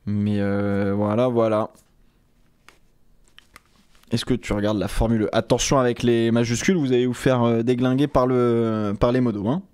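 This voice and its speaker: A man's voice: mid-range voice, steady tone, moderate pace, darkish tone, clean tone, no echo. A man chatting casually on a live stream, rambling with many fillers and restarts.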